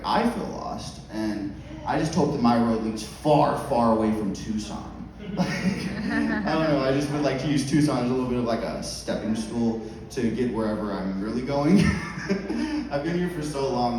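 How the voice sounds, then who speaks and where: A man's voice: medium pitch, expressive, normal speed. A man performing rambling, informal stand-up with crowd work, swearing freely and breaking into giggly laughter. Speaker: stand-up comedian. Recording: very echoey club, distant mic, audience noise.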